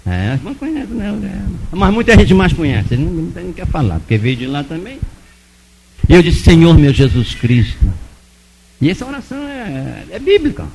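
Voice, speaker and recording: A man giving an emotional testimony sermon, dramatic, swinging between loud pleading and hushed asides. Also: a little high, very animated, normal speed, gravelly, poor audio.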